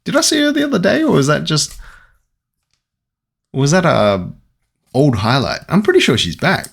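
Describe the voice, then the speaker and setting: An Australian man chatting casually while opening trading card packs, rambling and getting excited at good pulls. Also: fairly high pitch, normal speed, vocal fry, slightly rough. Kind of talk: casual unboxing commentary.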